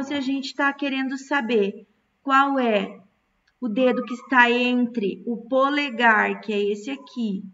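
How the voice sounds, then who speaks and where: A Brazilian woman with a fairly high, slightly bright voice and a Brazilian Portuguese accent teaches a recorded lesson to children. She is patient and draws out key words, and the distant, dull lo-fi mic makes her sound far away.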